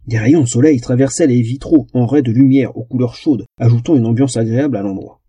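Male audiobook narrator, comic fantasy, expressive, husky and very dark, dry close sound. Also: mid-range voice, a little fast, dry recording.

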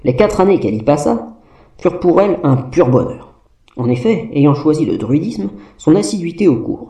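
Un homme qui lit à voix haute une fiche de personnage d'un ton pince-sans-rire. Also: male voice, a little high, warm tone. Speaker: co-narrator. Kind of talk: reading a character sheet. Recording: roomy and distant mic.

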